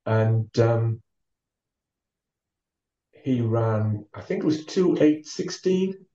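A man, a former marathon runner from North East England, telling his story as an interview guest, measured, with many ums and restarts. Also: medium pitch, animated, dark tone, distant mic. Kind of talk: relaxed storytelling. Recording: dull, roomy sound from off the mic.

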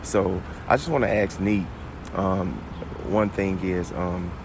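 Deep-voiced man podcasting over traffic noise. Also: takes it slowly. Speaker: guest podcast host. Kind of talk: conversational, faith-based podcast talk. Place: outdoors on location, traffic behind. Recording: outdoor location with clear traffic noise.

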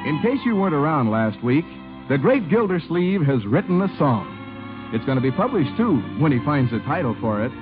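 A man speaking as an old radio announcer, giving a polished, emphatic scripted show introduction and sponsor pitch. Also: very animated, brisk. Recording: tinny vintage radio recording with faint music.

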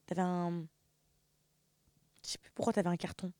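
A woman's voice: on the low side, monotone, normal speed, no room sound. A young woman, co-hosting a jokey casual chat. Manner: jokey, bursts into loud laughing exclaims. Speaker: co-host.

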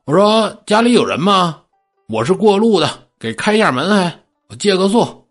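Man putting on a bossy imperial tax official, raised, brash voice, husky, lively pitch, storytelling. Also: moderate pace, soft background music. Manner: loud, swaggering, ordering people about. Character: brash, bossy Qing-era male tax collector.

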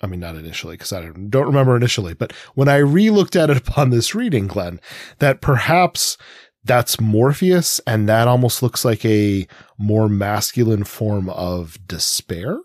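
This podcast co-host has a lowish, slightly mellow voice and speaks animatedly at a moderate pace. He thinks aloud through analytical commentary, often hedging his points. The recording is dry and studio-clean.

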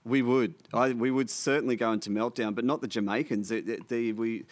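Wry Australian bloke, very dry recording. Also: male voice, medium pitch, fairly even intonation, fairly quick, no room sound. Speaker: sports talk show co-host. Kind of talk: casual comic sports banter.

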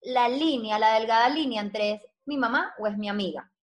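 A woman, chatting casually with friends and telling animated stories. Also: fairly high pitch, moderate pace. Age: 20s. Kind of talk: casual chat among friends.

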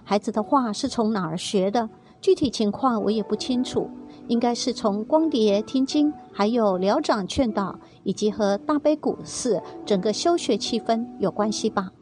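A woman with a somewhat high voice reads a first-person testimony, her delivery earnest and tender. Faint music plays quietly beneath her steady narration. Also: normal speed.

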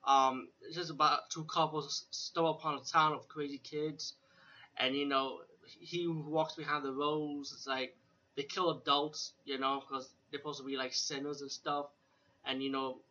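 Guy doing an off the cuff review, kinda high forceful voice, loose and repetitive, muffled cheap audio near a fan. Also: little pitch movement, moderate pace. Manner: informal, profane, repeats himself and often adds "you know". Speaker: host of a horror film retrospective review. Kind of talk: casual, rambling unscripted video review. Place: room with a fan or air conditioning running. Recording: dull lo-fi, air conditioner fan running nearby.

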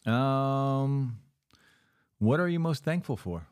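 A man's voice: mid-range voice, expressive, slow pace, darkish tone, clear, resonant tone. A man co-hosting a podcast, chiming in with short, joking interjections during casual chat. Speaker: podcast co-host.

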